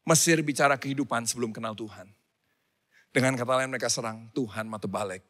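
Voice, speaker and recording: A male pastor preaching a sermon in a church, telling stories with animated delivery, acting out wailing crowds and leading the congregation in call and response. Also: medium pitch, quick pace. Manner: animated storytelling, acts out crowds with loud wailing cries. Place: church hall. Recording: church hall reverb.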